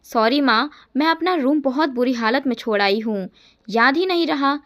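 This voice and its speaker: A woman's voice: sits high, moderate pace, fairly bright tone. A woman voicing an earnest young newlywed daughter-in-law. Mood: apologetic.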